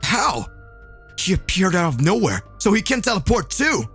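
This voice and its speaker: A man putting on an earnest young fighter hero, a little higher than his own voice and lively in tone. He speaks with determination, over faint music. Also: moderate pace, slightly rough, full character voice. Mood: determined. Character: earnest young male martial artist hero.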